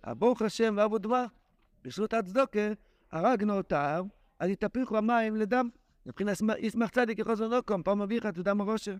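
A male Torah teacher giving a daily lesson in an impassioned, exclamatory manner. His voice is fairly high, and the recording is close and dry with no room sound. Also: dry recording. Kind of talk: daily religious text lesson.

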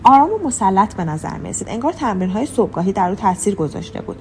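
A woman's voice: mid-range voice, sing-song, darkish tone. Woman narrating an audiobook over faint music. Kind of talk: scripted narration.

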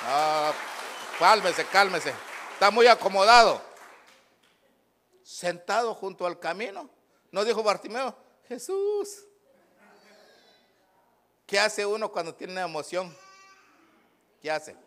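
A male pastor preaching a fervent sermon, swinging between shouts and low asides. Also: unhurried, pauses often, a faint crowd.

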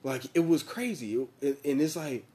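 A man's voice: medium pitch, animated, normal speed, dark tone. A young American man chatting casually about sports in a slangy, profane, repetitive and emphatic frat-bro manner. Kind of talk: casual chat about football tactics.

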